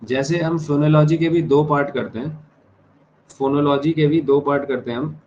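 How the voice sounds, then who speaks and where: A man teaches an exam-prep class, slowing right down to dictate key terms and repeating each one. His voice sits a little high for a man. Faint noise hums in the background. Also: steady tone, darkish tone, highs cut off. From India. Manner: dictates key terms slowly, repeats them, checks understanding. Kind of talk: online exam-prep lecture.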